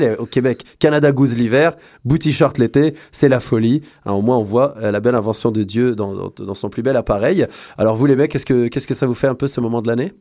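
A man hosting a casual radio show, joking and teasing his co-hosts, often pausing on fillers as he talks. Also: medium pitch, darkish tone. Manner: playful, teasing, hesitant with fillers.

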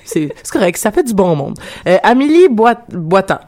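A woman's voice: a little high, very animated, moderate pace, dark tone. A young woman with a Québécois accent hosting a casual radio talk show, chatty and laughing, with frequent restarts. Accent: Québécois French.

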